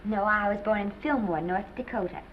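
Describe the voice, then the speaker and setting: A woman's voice: mid-range voice, brisk, background noise, lightly acted. An actress playing a hopeful, earnest young woman from a small town who wants to act, in a 1930s film. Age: young adult. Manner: earnest, shy, eager. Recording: dull 1930s film soundtrack.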